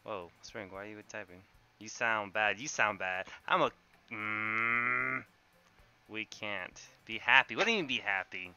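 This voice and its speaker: A man casually commenting while streaming a game, talking in a quiet, monotone, deadpan way. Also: fairly low pitch, measured pace, smooth.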